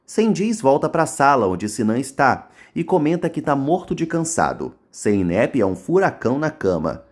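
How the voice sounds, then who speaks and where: A man's voice: mid-range voice, sing-song, moderate pace. Sarcastic Brazilian man recapping a soap. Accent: Brazilian Portuguese. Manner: mocking, slangy asides. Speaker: narrator recapping a soap opera episode. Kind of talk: casual recap narration with sarcastic asides.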